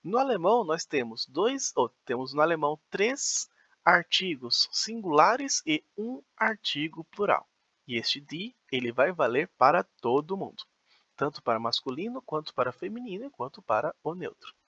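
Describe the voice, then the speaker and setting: Bright-voiced man teaching German. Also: fairly high pitch, very animated, normal speed, no room sound, highs cut off. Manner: patient, explanatory, says "então" and "né" often. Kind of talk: explaining a language lesson.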